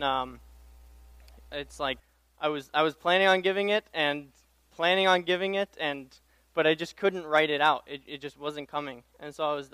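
A young Tanzanian man, a pastoral intern, preaches from a church pulpit as a guest speaker. His voice is a little high, pushed and bright, with a clear, resonant tone and no echo. The sermon is informal and conversational, casual and self-deprecating, and he often repeats his phrases.

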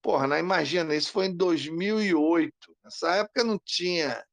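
A man co-hosting a podcast, telling an animated story in casual chat and acting out the lines of the people in it. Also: fairly high pitch, brisk, creaky, no room sound. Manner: animated, acts out quoted lines. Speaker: podcast co-host.

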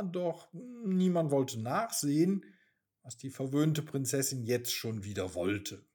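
A man reading a children's bedtime story slowly and expressively. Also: on the high side, warm tone, husky.

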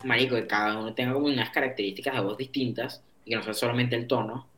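A man trades loose, slang-heavy banter about games. His voice sits at an ordinary middle pitch for a man. He sounds easygoing and conversational. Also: steady tone, quick pace, crowd noise. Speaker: podcast co-host. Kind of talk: casual gaming chat.

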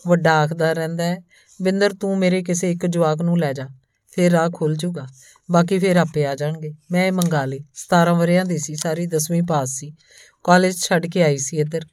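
A woman narrating a story in a calm, even storytelling manner, reading both the man telling it and the woman he meets. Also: on the low side, brisk, dry recording, clean studio sound. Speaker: audiobook narrator.

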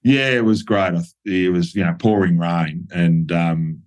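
A middle-aged former footballer from New South Wales, Australia, looks back on his career in a relaxed interview. His voice is low and his pace unhurried, and he fills his speech with ums and restarts, chuckling at his own stories.

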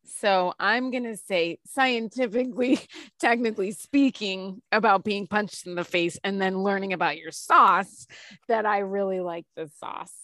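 A woman's voice: mid-range voice, unhurried, fairly bright tone, no room sound, clean studio sound. A woman hosting a podcast in casual chat, playful and joking, laughing often. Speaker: podcast host.

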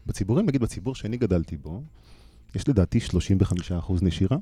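A man in his thirties, a panel guest, speaking thoughtfully and telling parables with pauses into a handheld microphone. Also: low-pitched, expressive, mellow, husky, no echo, clean studio sound. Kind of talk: reflective panel discussion.

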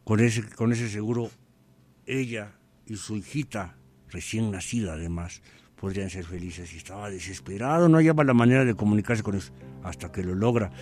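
A man's voice: fairly low pitch, normal speed, a little mellow. A man with a Mexican accent, a podcast host telling a spooky story live in a slangy, playful, digressive way.

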